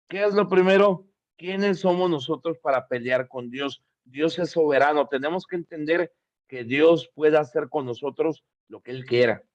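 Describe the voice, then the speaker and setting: Middle-aged man, emphatic sermon, fairly high voice, dull lo-fi audio. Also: no echo. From Mexico. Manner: emphatic, repetitive preaching with rhetorical questions to the congregation. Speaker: preacher. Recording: dull, dry lo-fi sound.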